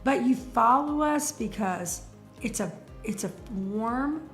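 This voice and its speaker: A woman's voice: on the high side, slow, soft background music. A middle-aged woman, co-hosting a casual live chat and telling stories with emphatic energy. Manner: animated storyteller, emphatic. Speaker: co-host of a breeder's live chat.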